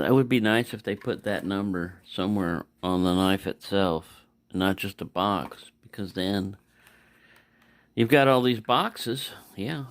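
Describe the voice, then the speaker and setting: A knife reviewer gives a casual, unscripted product review, rambling, correcting himself as he goes and mumbling asides. His voice is low, with no echo.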